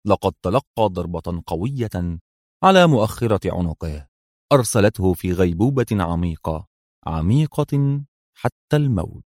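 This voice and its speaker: Low-voiced male audiobook narrator. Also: lively intonation, a little mellow, no room sound, studio quality. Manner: measured, dramatic storytelling.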